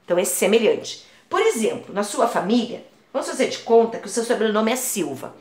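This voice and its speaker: A woman's voice: on the high side, big pitch swings, fairly quick, a little mellow. A woman math teacher explaining a lesson patiently, using everyday comparisons. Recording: echoey room.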